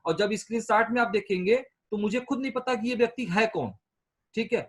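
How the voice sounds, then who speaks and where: A man with a notably high voice runs an online staff meeting, walking listeners through the rules step by step. He is patient and repeats key points so that everyone can follow. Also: a little fast, a bit bright, breathy edge. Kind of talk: instructing over a call.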